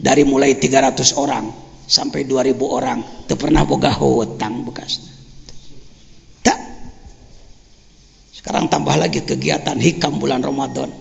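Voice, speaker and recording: An older man with a Sundanese accent, teaching a religious lecture in an animated, joking way. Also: mid-range voice, moderate pace, gravelly, pauses often. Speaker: Islamic teacher. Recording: dull lo-fi sound with long hall reverb.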